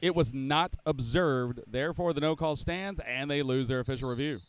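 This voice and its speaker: A man's voice: mid-range voice, moderate pace, smooth. A man from the southeastern United States doing color commentary at roller derby, rambling with fillers and restarts.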